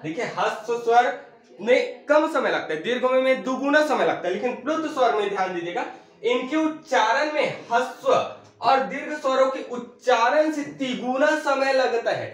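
A man's voice: very high-pitched, animated, normal speed. A male teacher giving an exam-prep grammar lesson, repeating key points and drilling listeners, often calling them "my friend". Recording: very echoey room.

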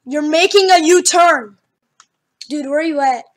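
A young woman hosting a gaming video, chatting casually and exclaiming loudly with lots of slang while she plays. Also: high-pitched, unhurried. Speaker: gaming channel host. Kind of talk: excited casual gameplay chat.

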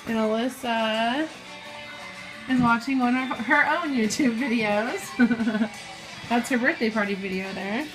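A woman's voice: a little high, slow pace, rough recording. A woman in her thirties, a mother vlogging at home at dinnertime, cheerfully coaxing and correcting her young children. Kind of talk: casual family vlog narration. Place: family home indoors at dinnertime. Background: piano music.

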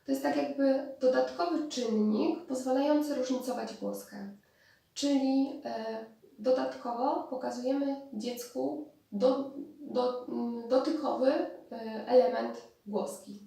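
A woman explaining therapy methods in a spoken lecture, pausing and restarting as she thinks. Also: high voice, creaky, mellow. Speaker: speech therapist. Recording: distant mic in very echoey room.

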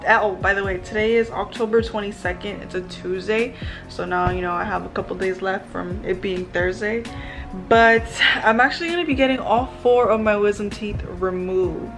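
A woman's voice: mid-range voice, moderate pace, over music. A woman in her twenties chatting casually to camera as a vlogger, in slangy, informal speech with emphatic repetition. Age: 20s. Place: small plain room indoors. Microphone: camera at arm's length.

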